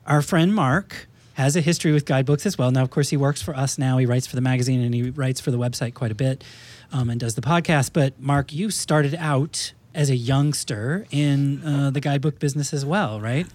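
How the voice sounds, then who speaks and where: A man's voice: mid-range voice, fairly quick, a little mellow. A man hosting a casual podcast chat from a studio, introducing guests in a playful, teasing manner. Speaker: podcast host.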